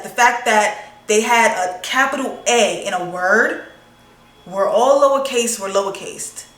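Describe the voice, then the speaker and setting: Young woman, chatty makeup vlogger; bright, slightly high voice, a bit off-mic in an echoey room. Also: distant mic. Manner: chatty, expressive, swears freely. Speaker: beauty vlogger. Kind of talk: casual chat while doing makeup.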